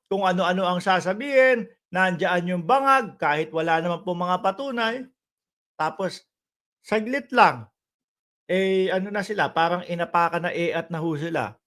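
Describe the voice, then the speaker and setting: High-voiced man in emphatic political commentary. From Philippines. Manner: talks straight to viewers with polite particles and rhetorical tag questions; rambling and emphatic, with restarts and sudden loud bursts.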